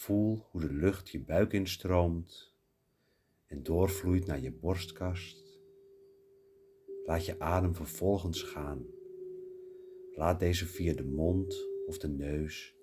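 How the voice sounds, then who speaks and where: Slow, very deep-voiced meditation guide. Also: male voice, noisy background. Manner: slow, calm instructions with long pauses.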